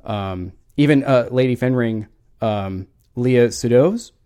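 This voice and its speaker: A man in a casual film discussion, speaking in a measured, hedging way with many fillers. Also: mid-range voice, mellow, smooth.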